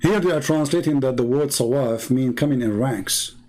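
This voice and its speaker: A religious debate commentator with an Arabic accent delivers polemical commentary in English, his second language, using broken, non-native grammar and plenty of sarcastic rhetorical questions. His voice is medium-pitched and a little mellow, at a moderate pace.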